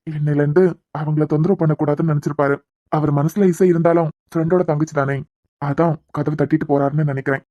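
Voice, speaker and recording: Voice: mid-range voice, steady tone, fast talker, dark tone, no echo, muffled recording, natural voice. A voice actor with a Kanyakumari Tamil accent playing a young man who is a loyal, worried friend in a cartoon serial. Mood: explaining.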